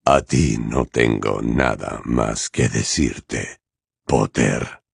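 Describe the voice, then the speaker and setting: A man voicing a cold, cruel male dark lord wizard in an audiobook, talking slowly and with contempt. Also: very deep voice, gravelly, husky, no room sound, studio quality, voice pushed down, exaggerated voice. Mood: cold menace. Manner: slow, menacing, contemptuous. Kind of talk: audiobook character voice.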